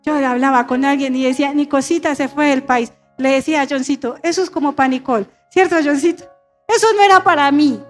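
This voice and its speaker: A woman's voice: high voice, fairly even intonation, fast talker, few pauses, faint music behind. A middle-aged woman pastor preaching a sermon and calling on her congregation to repeat phrases after her. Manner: call-and-response preaching, asking the congregation to repeat. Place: church sanctuary.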